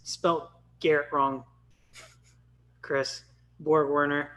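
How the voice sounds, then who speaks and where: A man's voice: a little high, little pitch movement, extremely slow, fairly bright tone. A man in his thirties hosting a casual live podcast, upbeat and chatty with lots of ums. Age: 30s. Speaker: podcast host.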